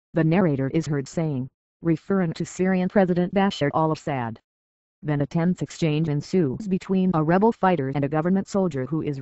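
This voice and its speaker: A news reader delivering a scripted report in an even, measured way. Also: mid-range voice, dry recording, muffled recording. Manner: even, measured read of a written wire story.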